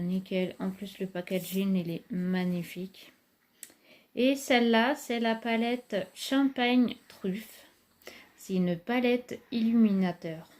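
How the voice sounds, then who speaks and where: A woman's voice: mid-range voice, darkish tone. A woman, casually reviewing makeup palettes in a chatty, hesitant way with many fillers. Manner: enthusiastic about products. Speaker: beauty vlogger.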